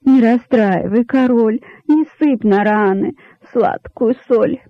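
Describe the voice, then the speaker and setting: A man's voice: high voice, unhurried, vocal fry, breathy edge, no room sound, exaggerated voice. A man doing a moaning chorus of rabbits. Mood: plaintive. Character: crowd of plaintive, greedy rabbits. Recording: dull lo-fi dry recording.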